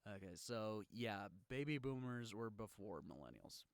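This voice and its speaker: A man's voice: on the low side, big pitch swings, measured pace, vocal fry, no room sound. A young man co-hosting a podcast in casual chat, laughing often and swearing freely while thinking aloud. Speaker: podcast co-host.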